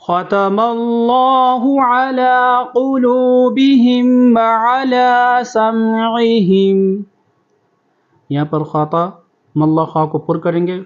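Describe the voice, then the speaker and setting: A man teaching Quran recitation, who recites verses slowly and in a drawn-out way, then explains the pronunciation rules quickly. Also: a little high, dull audio. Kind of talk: tajweed lesson, recitation with explanation.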